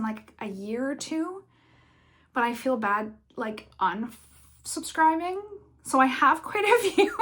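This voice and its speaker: Fast-talking chatty woman vlogger. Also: fairly high pitch, fairly bright tone. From Canada. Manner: fast-talking, rambling, many fillers and restarts. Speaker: cross stitch vlogger. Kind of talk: casual chatty vlog.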